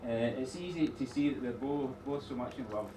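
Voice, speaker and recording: A middle-aged man giving an informal wedding speech as father of the bride, rambling a little with pauses and dry teasing asides. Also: mid-range voice. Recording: echoey room, distant mic, noisy background.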